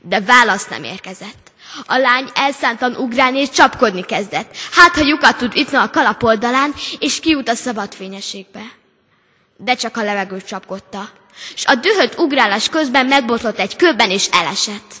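A woman reading a fairy tale aloud at a family church service, with expressive, dramatic delivery. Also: on the high side, long reverb tail.

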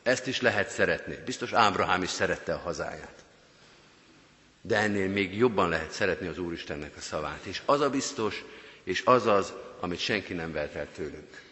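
Male pastor, sermon, earnest direct address, low voice, bright forceful tone. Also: lively intonation. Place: church. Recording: long church reverb.

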